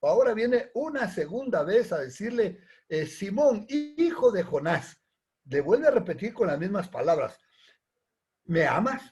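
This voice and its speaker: A man preaching a sermon, animated, acting out quoted prayers and dialogue. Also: sits high, moderate pace, highs cut off.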